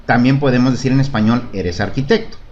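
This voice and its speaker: In an online language lesson, a man with a mid-range, slightly mellow voice speaks fairly quickly in Spanish while teaching beginner English. Patient, he models phrases to repeat and checks in with "¿De acuerdo?". The sound is lo-fi with a bit of hiss or hum.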